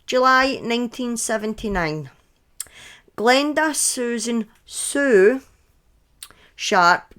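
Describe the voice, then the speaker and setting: A fairly high, slightly bright voice belongs to a Scottish woman in her thirties. She narrates true crime casually on a live stream, regularly stepping off into chatty digressions and correcting herself.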